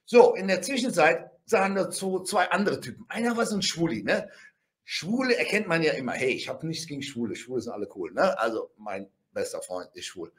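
Male storyteller, high and highly animated, blunt, slangy, punctuates with sound effects. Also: fairly quick. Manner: animated and blunt, crude slang, constant tag questions, vocal sound effects. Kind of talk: casual spoken anecdote.

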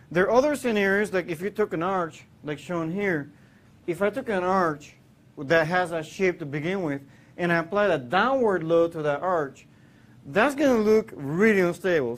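Man lecturing in a lecture hall. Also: a little high. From Puerto Rico. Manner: explanatory, with frequent fillers and restarts. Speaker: engineering lecturer. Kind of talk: classroom lecture.

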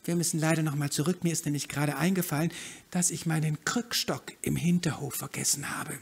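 A lame, cautious duck lectures its way through the story, voiced by a man. The voice sits high and prim, with a husky, gravelly texture. Everything is explained in careful, long-winded detail. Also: steady tone, a little fast. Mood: pedantic. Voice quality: raised, fussy and prim. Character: lame, cautious duck on a walking stick, fussy and slow.

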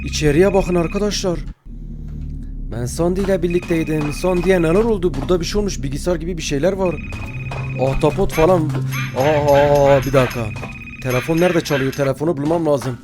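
Excitable man narrating a horror game. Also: on the high side, fairly quick, over music. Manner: excitable, talks to viewers, jumpy reactions. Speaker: gaming YouTuber. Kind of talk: let's-play commentary.

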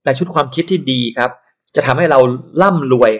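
A man giving a casual software tutorial who chats and digresses into advice while working. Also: a little high, a little fast. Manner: chatty, digresses into advice and asides.

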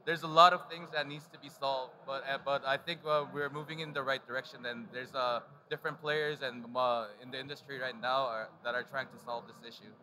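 A man's voice: mid-range voice, steady tone, brisk, few pauses, bright, forceful tone, slight background noise. A man speaking on a conference panel with a handheld mic, hesitant and full of ums and uhs. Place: large conference stage.

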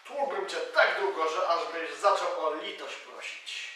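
A man's voice: a little high, unhurried, pushed and bright. A man voicing a cowed male robber who wheedles and begs, in a stage reading of a play. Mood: boastful. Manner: whining, wheedling, begging. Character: cowed male robber, boastful but pleading. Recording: echoey hall from far off.

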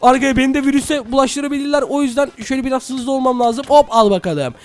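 A man hosting an excited Minecraft role-play, shouting at zombies and talking straight to his viewers. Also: extremely high pitch, fast talker. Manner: loud, excitable, keeps addressing viewers. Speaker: gaming YouTuber.

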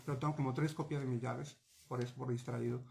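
A Mexican man of about forty, speaking by video call webcam from a small home office with bookshelves, shares a personal story with lots of animation, gestures, hesitations, and restarted sentences. His mid-range voice comes fast with vocal fry, and slight background noise is audible.

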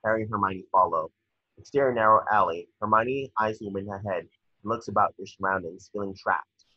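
At a table read, a man reads stage directions as scripted narration, measured and slightly stumbling. His low, raspy, forceful voice comes through dry, with no echo, over dull, lo-fi video call audio.

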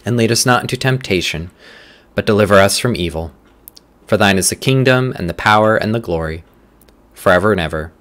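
A man reading scripture and leading prayers for a church's morning prayer, in a measured, deliberate way, phrase by phrase. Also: fairly low pitch, fairly bright tone.

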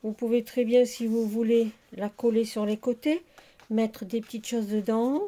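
A middle-aged woman hosting a casual crafting video, chatty and unhurried with many fillers as she shows her handmade work. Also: on the high side, fairly even intonation, mellow. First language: French. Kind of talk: casual crafting show-and-tell.

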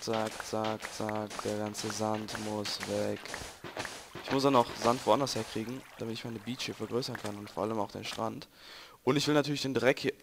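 A man's voice: lowish voice, fairly even intonation, normal speed, gravelly. A young man with a German accent, chatting and joking to viewers while playing a game. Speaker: let's play gamer. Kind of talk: casual gameplay commentary. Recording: noisy home recording.

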